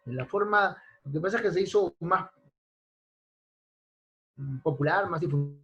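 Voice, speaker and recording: A male language teacher runs an online spelling class through his computer mic, slowly and deliberately listing example words one at a time and checking in with "¿ya?" to his students. His voice sits high with a fairly bright tone, and the highs are cut off.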